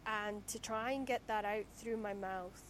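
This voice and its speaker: A woman with a Shetland accent chats in a casual interview, candid and full of anecdote. Her voice sits at a medium pitch. There is some background noise with a low rumble on the recording. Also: steady tone, measured pace. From Shetland, Scotland.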